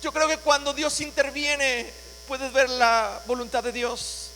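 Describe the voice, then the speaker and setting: A man delivers a sermon in a strikingly high, bright tone, dramatizing the words of scripture. His voice rings through a church hall with a long echo. A faint electrical hum sits underneath. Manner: dramatic preaching, voicing scripture with rising intensity. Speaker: pastor.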